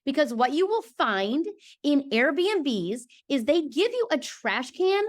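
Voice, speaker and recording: A woman with a high voice, a guest on a video call, explains her points in a lively, emphatic way. She keeps checking in with "okay?" as she talks, and her tone stays casual and chatty. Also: slow. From Georgia, US. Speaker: podcast guest. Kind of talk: casual interview chat.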